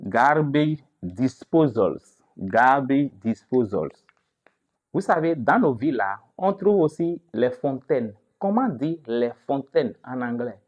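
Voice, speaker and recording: Slow, drilling male language teacher. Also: mid-range voice, animated. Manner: repeats each word slowly for drilling; asks the class questions, then answers them. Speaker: English teacher. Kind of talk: vocabulary lesson.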